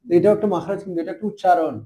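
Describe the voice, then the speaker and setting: A man's voice: sits high, fairly even intonation, very fast, warm tone. A man teaching a madrasa grammar lesson, quizzing his students with constant rhetorical questions. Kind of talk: classroom Arabic grammar lesson.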